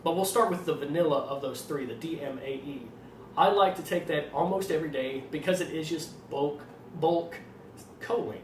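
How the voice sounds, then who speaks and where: A man with an Arkansas accent explaining things informally as a trainer, in a fairly monotone voice with a slight tendency to stutter. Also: fairly high pitch, fairly quick. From Arkansas, United States. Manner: self-described monotone delivery. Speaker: fitness trainer presenting supplement advice. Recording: roomy echo, distant mic, faint noise.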